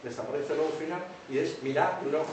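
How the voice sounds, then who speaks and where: A man's voice: a little high, brisk. Man lecturing in an echoey hall. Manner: keeps checking in with the audience. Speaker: teacher. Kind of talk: public lecture on word origins. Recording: echoey hall from far off, faint noise.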